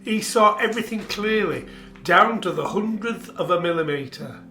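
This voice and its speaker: An actor voices a sombre male radio-play narrator recounting a marriage's tragedy, measured and emphatic and repeating phrases. His voice sits high and sounds animated, set in a roomy echo with soft plucked guitar music behind.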